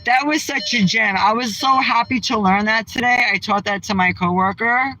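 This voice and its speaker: A woman's voice: fairly high pitch, normal speed, low-quality recording. Brash, outspoken woman livestreamer. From Massachusetts. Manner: brash, outspoken, trash-talking. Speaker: livestream host. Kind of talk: casual live chat reading comments. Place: in a car.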